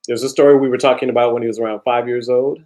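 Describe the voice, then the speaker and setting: A man hosting an interview, asking questions with restarts and answering with quick affirmations. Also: medium pitch, fairly even intonation, rough recording. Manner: warm prompts, frequent short affirmations, restarts. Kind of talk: conversational interview.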